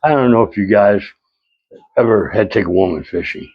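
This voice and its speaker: A man's voice: on the low side, brisk, lo-fi sound. An older retired man vlogging in a casual, rambling way, telling folksy stories with chuckles and repeated phrases.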